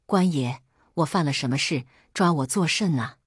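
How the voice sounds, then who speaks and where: A woman's voice: low-pitched, lively intonation, normal speed, husky, dry recording, studio quality. A woman voicing a greedy, cowardly young male scoundrel who talks in a scheming, fearful way. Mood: pleading. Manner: pleading, frightened.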